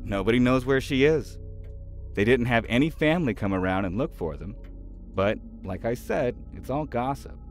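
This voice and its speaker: In an audio drama, a man plays a friendly, chatty small-town realtor showing a house, gossipy yet hesitant and a bit evasive. His natural mid-range voice is animated at a moderate pace, with faint music in the background.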